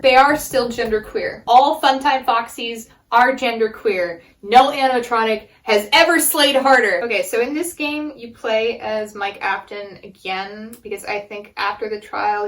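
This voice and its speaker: Woman, fairly high voice, video essay host, casual comedic commentary, sarcastic, emphatic stretched words. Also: fairly bright tone, rough recording.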